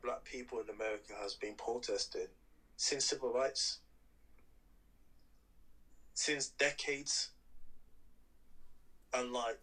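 A man's voice: mid-range voice, bright, forceful tone, rough recording. A man leading a casual discussion, putting questions and giving his own views in an informal, conversational way. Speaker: discussion host. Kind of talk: casual chat, asking questions.

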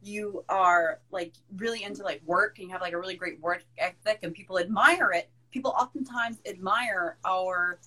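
Brief: woman host, therapist type, casual and animated, peppers speech with "like" and the odd curse. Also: medium pitch, normal speed, few pauses, low-quality recording. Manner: animated, frequent "like", swears for emphasis. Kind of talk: casual conversation.

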